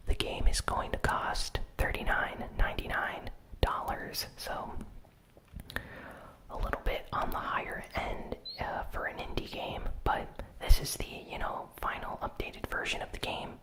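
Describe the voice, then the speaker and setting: Whispering breathily without voice, the host calmly runs through the latest gaming news in a casual ASMR style. The audio is poor.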